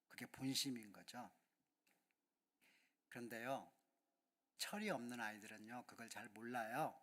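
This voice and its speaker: A man's voice: mid-range voice, fairly bright tone. A male pastor giving a sermon and speaking earnestly and directly to the congregation.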